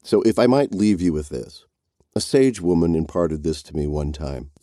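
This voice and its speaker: A man giving an encouraging, measured motivational self-help talk straight to the listener. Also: sits low, mellow, no echo, studio quality. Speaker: self-help program host.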